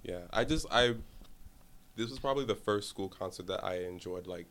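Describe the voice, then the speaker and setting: Young man with a lowish voice. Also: normal speed, a bit bright. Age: young adult. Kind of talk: casual chat.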